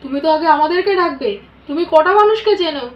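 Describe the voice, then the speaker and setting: Woman doing a young husband, stern, reproachful, high voice, doll vlog drama. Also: animated, brisk, roomy sound, lo-fi sound.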